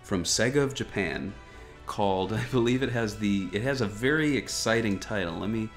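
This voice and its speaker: With background music playing behind him, a man hosting a gaming news show jokes wryly and casually about a video game trailer. His voice is fairly low and his speed is normal.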